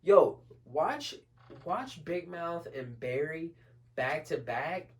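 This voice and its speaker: A young man co-hosting a podcast, chatting about TV shows in a casual, excitable way, often repeating himself. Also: takes it slowly, distant mic. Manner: excitable, repeats himself, swings loud and high. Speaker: podcast co-host. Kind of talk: casual chat.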